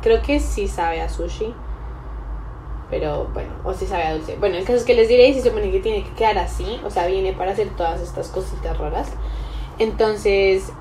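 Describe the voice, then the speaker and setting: This young woman's voice sits at medium pitch and sounds a little mellow as she chats casually, a touch unsure, to the camera. She's a vlogger cooking at a table in a small indoor room, captured in a rough recording with slight background noise.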